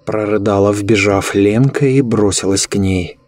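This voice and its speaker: A man narrating a horror story in a measured, ominous way. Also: fairly low pitch, darkish tone, no echo.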